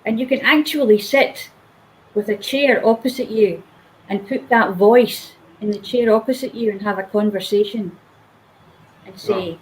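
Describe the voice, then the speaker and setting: A woman's voice: mid-range voice, a little slow, a little hiss or hum, low-quality recording. A woman speaking earnestly and emphatically in a motivational conversation, sometimes acting out the inner voices she describes. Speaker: guest speaker.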